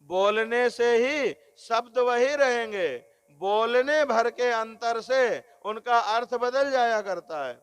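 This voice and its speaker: A man giving a devotional sermon on scripture, explaining slowly, repeating phrases and often addressing listeners as Narayan. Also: very high-pitched, smooth, dry recording. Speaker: religious discourse speaker.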